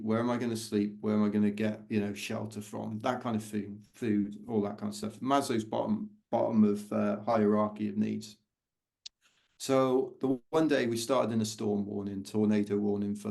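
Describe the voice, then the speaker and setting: An ultra endurance runner appears as a podcast guest, telling stories in a casual interview with a low, creaky voice and a London English accent. His anecdotes are animated, he acts out the voices of people he quotes, and he laughs often.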